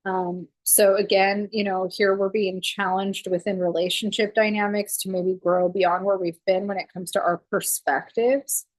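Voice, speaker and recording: A woman's voice: mid-range voice, little pitch movement, moderate pace, few pauses, no room sound, low-quality recording. Chatty woman astrologer, dry sound. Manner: chatty, with many fillers. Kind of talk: casual monthly forecast talk.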